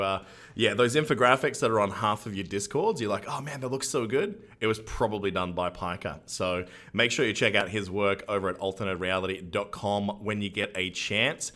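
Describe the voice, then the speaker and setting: An upbeat man hosts a casual podcast, joking around and plugging the show. His voice sits fairly low but sounds bright and forceful. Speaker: podcast host.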